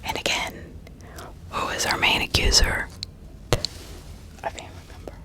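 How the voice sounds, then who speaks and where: An ASMR host, a woman, tells true-crime stories in a breathy, unvoiced whisper, keeping the storytelling sympathetic and dramatic. She moves at a moderate pace.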